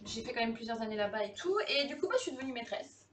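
A high-pitched woman in her thirties chats with her viewers during a live cooking stream. Her talk is loose and friendly, with frequent laughs, fillers and restarts. A faint noise sits under the recording. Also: lively intonation, quick pace, a bit bright. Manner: chatty, laughs often, many fillers and restarts. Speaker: livestream host cooking.

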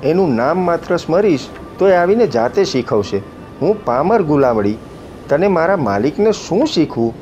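A man voicing a devoted young woman slave who speaks in a soft, imploring, devout way, in an audiobook reading. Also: a little high, very animated, normal speed, slight background noise. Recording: muffled audiobook recording with faint music.

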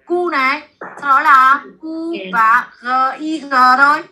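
A woman teaching basic French to a class in a classroom, with a Vietnamese accent, repeating words slowly for students to echo. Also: high voice, a crowd in the background.

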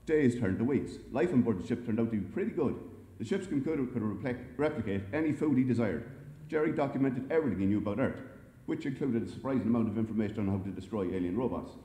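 A man reading a humorous story aloud to a live audience in a wry, lively way, recorded in an echoey library hall. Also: on the low side. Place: library event space.

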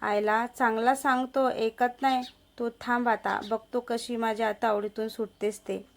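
A woman's voice: a little high, flat delivery, unhurried, vocal fry. A woman voicing a lecherous, threatening male village moneylender in a story. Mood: menacing. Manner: threatening, coaxing. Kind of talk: storybook narration.

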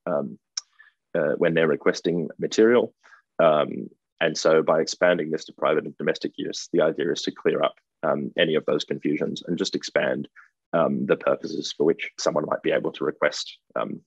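A middle-aged Australian man presents a keynote from his office over a webcam, pausing on ums and restarting phrases. His voice sits very low with a husky edge. The audio is dull and lo-fi, with a dry, close sound. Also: dry recording. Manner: hesitant, frequent ums and restarts. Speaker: keynote speaker. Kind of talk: conference presentation over video call. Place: indoor office. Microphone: webcam video call.

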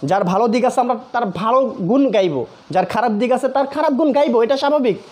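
A man's voice: extremely high pitch, expressive, fast, a little mellow. A man hosting a commentary video, speaking earnestly and appealing directly to his viewers, often repeating phrases for emphasis. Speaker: commentary channel host. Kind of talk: emotional social media commentary.

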